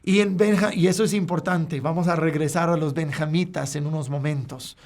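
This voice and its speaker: Slow, gravelly-voiced male pastor preaching. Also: fairly high pitch, fairly even intonation, darkish tone. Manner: earnest, halting with frequent restarts. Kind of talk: sermon.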